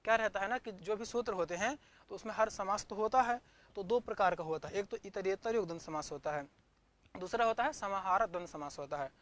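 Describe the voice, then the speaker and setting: A man's voice: high voice, brisk, a bit bright. A man giving an online Sanskrit grammar class, asking questions and answering them himself, repeating each term. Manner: searches the screen for notes aloud mid-lesson.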